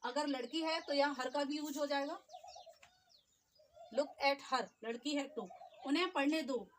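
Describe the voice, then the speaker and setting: A woman teacher, explaining short sentences step by step and repeating each phrase slowly. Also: high voice, slight background noise. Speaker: English teacher. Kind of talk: spoken English lesson.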